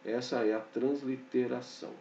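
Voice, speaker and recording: A man teaching a slow, explanatory grammar lesson, pointing things out on a board and checking in often with short fillers. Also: medium pitch, fairly even intonation, dark tone, far from the mic, a little hiss or hum. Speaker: Hebrew teacher. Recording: dull, echoey room, off-mic.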